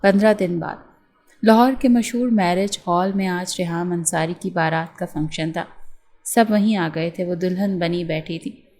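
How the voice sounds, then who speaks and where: A woman's voice: on the low side, normal speed, a little mellow. Woman reading a romance novel aloud. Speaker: novel narrator. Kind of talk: scripted narration of a romance novel with acted dialogue.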